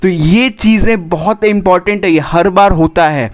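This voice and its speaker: Urgent, fairly high-voiced male counsellor. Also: moderate pace. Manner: urgent, repetitive, warns directly, drops English words into Hindi. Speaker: admissions counsellor. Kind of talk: counselling advice video.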